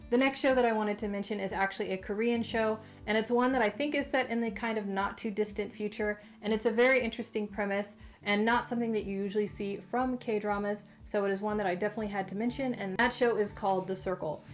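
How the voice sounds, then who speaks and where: A woman's voice: medium pitch, fairly even intonation, fast, few pauses, soft background music. A woman hosting a casual, chatty recommendation vlog, speaking with a mouth affected by recent wisdom tooth removal. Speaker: host.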